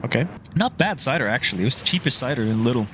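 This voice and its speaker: Lively Finnish man rambling through a reaction. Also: medium pitch, rapid-fire, noisy background. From Finland. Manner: rambling, swears casually, laughs at himself. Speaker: reaction channel host. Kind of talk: casual reaction commentary.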